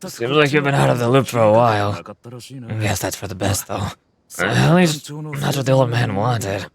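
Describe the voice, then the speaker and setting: A man voicing a grave, loyal desert gang member in a game, explaining things in a measured amateur read. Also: medium pitch, vocal fry, a crowd in the background, natural voice. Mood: somber. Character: grave, loyal male desert gang member recounting his boss's sacrifice. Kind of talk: amateur voice acting of game dialogue.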